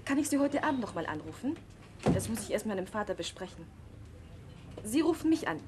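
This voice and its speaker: A woman's voice: medium pitch, big pitch swings, brisk, close to an everyday voice. An actress playing a young waitress who speaks out against her father, in a 1960s TV drama. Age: young adult. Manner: defiant, outspoken. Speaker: waitress, innkeeper's daughter. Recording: old TV soundtrack with faint hiss.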